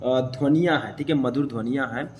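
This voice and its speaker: A man's voice: mid-range voice, brisk, a little mellow. Young guy teacher going through a poem, keeps checking in, faint hiss behind. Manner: repetitive, checks in with the listener. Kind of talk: explaining a Hindi poem in class.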